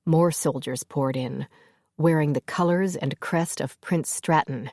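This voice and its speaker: A woman narrating a fantasy audiobook in a steady, measured storytelling manner. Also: low-pitched, no room sound, clean studio sound.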